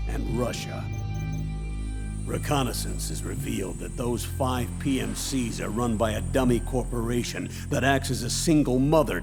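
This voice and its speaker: Gravelly, grave commanding colonel. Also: male voice, medium pitch. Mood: grave, explanatory. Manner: grave, commanding briefing delivery, measured. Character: grave older male colonel briefing a covert agent. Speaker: military commander giving a mission briefing. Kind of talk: scripted video game dialogue.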